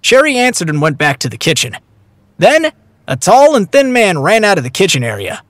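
A man narrating a story in an animated, storytelling way. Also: high voice, fairly quick, dry recording. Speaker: audiobook narrator. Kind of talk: scripted narration. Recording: dry close recording, faint music.

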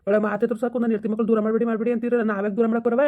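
A man's voice: very high-pitched, little pitch movement, racing, phone-quality sound. A man playing a stern but caring village elder who lectures. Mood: scolding. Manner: scolding, lecturing, then soothing. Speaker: elder villager in a comedy skit.

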